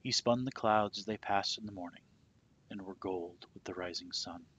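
A man with a deep, husky voice reads a children's picture book aloud as storyteller. His phrasing is deliberate and dramatic, softening as each phrase ends.

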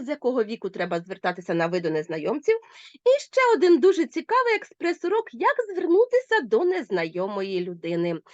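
A woman's voice: fairly high pitch, dry recording, muffled recording. A woman teacher giving a recorded grammar lesson, speaking directly to her pupils. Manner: animated, addresses pupils directly.

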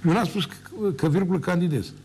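A man's voice: on the high side, vocal fry, darkish tone, slight background noise. An older man, a former mayor, ranting emphatically on his own TV show, repeating words for force. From Romania. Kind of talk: heated televised monologue.

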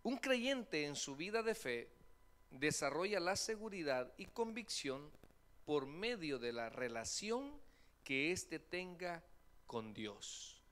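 Animated pastor preaching. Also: male voice, a little high, slow pace. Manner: animated, acts out quoted voices, jokes with congregation. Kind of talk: lively sermon. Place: church sanctuary.

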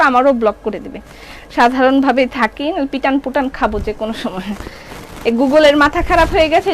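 A middle-aged woman with a Bangladeshi accent, running a live clothing sales stream, talking fast and playfully while reading viewer comments. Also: sits high, a little hiss or hum. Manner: fast, chatty, playful, reads comments aloud. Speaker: shop owner selling clothes on a live stream.

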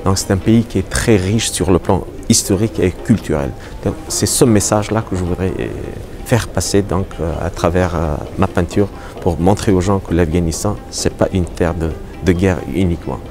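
A middle-aged painter from Afghanistan speaking with an Afghan accent, halting with many fillers and restarts, in an on-camera interview in a gallery. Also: male voice, deep voice, fairly even intonation, music in the background. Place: art gallery hall. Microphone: lapel mic.

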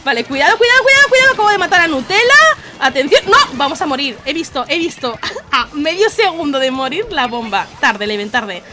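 A young woman from Spain with a Spanish accent, excitably commentating her own online match, laughing often and shouting warnings to her team. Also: sits high, fast talker. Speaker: gaming YouTuber. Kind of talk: live gameplay commentary.

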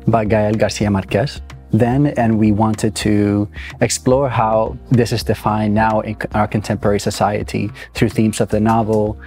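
Low, flat-voiced man in a dance studio. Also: normal speed, faint music behind. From Puerto Rico, raised in New York City. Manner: thoughtful, with many fillers and restarts. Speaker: choreographer. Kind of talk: interview.

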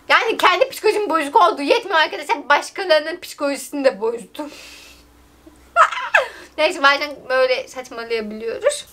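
Woman, high voice, bright tone, chatty, giggly, self-mocking vlogger. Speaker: TikTok vlogger. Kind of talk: casual chat to viewers.

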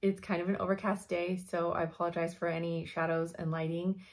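Speaking briskly and in a monotone, this young woman has a fairly low, slightly hoarse voice. She's giving a chatty cross-stitch update from her craft room at home, laughing often as she thinks aloud, captured by a camera in front of her desk.

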